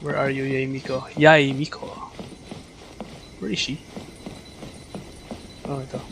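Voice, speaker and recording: Unhurried and medium-pitched, with little pitch movement and some vocal fry, a Filipino-accented man who natively speaks Tagalog offers chatty livestream commentary on a game. He alternates between Tagalog and English. Game music and noise fill the background.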